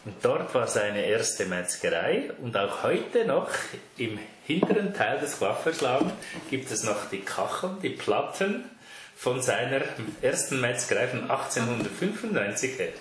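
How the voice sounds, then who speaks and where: A Swiss German-accented man, a fourth-generation butcher who owns his shop, gives casual interview answers, chatting easily and laughing often. His medium-pitched voice is very animated but measured in pace. The room is echoey with faint noise.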